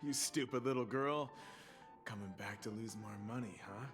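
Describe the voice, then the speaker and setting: A man's voice: lowish voice, normal speed, lightly acted. A man voicing a scornful, mocking gambling opponent in a video game, dramatic in delivery. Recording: long reverb, music behind. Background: game music.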